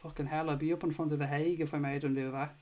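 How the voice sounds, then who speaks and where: Flat-toned Irish man hosting a chat stream. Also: a little high, rapid-fire. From Ireland. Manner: chatty, swears casually, thanks viewers warmly. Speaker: host of a live football chat stream. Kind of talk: casual live-stream chat reading viewer comments.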